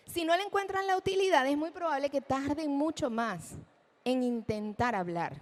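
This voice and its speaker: A woman giving a lecture at a live event, animated, asking the audience questions and acting out examples. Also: moderate pace. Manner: acts out children's speech in a high voice. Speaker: speech therapist giving a talk. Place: event hall.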